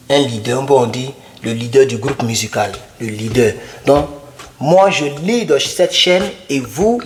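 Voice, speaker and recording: A man's voice: fairly high pitch, a little mellow, slight background noise. A man teaching English vocabulary in a casual whiteboard lesson, repeating each word many times and putting questions to his viewers.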